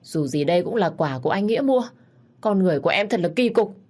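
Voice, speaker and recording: A woman's voice: fairly low pitch, fairly quick, natural voice. A woman voicing a scheming, two-faced young woman who talks sweetly and shrilly. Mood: accusing.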